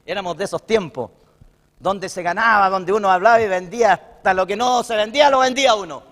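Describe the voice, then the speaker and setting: A middle-aged Chilean man preaching a sermon to fellow pastors, folksy and impassioned, building to loud declarations and often calling his listeners brother. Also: high voice, fairly quick, in a large hall. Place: church hall at a pastors' breakfast.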